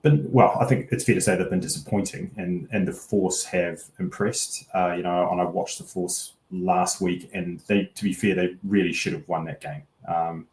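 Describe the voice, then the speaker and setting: Low-voiced man in an echoey room. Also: steady tone, moderate pace, few pauses, a little mellow. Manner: hesitant, rambling, hedging delivery. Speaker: rugby betting pundit. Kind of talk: casual sports analysis chat.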